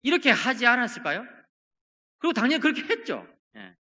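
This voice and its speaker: A high-pitched, very bright male pastor preaching in a church. His voice rises and falls with wide, animated swings, and his words ring out with a long hall reverb. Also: brisk. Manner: earnest, swings between loud emphasis and hushed tones. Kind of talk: sermon. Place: church sanctuary.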